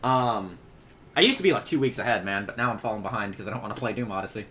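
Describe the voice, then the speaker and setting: A man hosting a reaction video, talking casually with quick jokes, asides and lots of fillers. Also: fairly low pitch, animated, bright, forceful tone. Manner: chatty, joking, with many fillers and quick asides. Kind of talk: casual commentary over a video.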